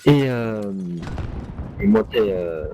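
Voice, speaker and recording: A young man with a lowish voice tells a casual story to his mates. He speaks in thick street slang, full of tags and fillers. There is light noise and clicking behind him. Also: lively intonation, slow, mellow. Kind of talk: casual anecdote told to friends while gaming.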